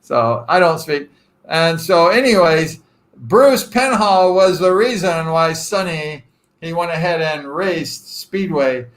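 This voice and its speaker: In a relaxed live-stream chat with viewers, a Southern California host of about sixty tells long, wandering stories studded with "uh" and "like," speaking slowly. He pokes friendly fun at himself and is rambling and chatty, and his voice sits a bit higher than most men's.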